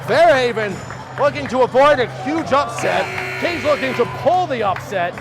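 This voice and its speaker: A man in his thirties doing play-by-play for a high school basketball game, excited and short of breath, shouting at the big plays. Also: moderate pace, music in the background. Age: 30s. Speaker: play-by-play announcer. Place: school gymnasium. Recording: crowd noise in a gym. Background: loud cheering crowd.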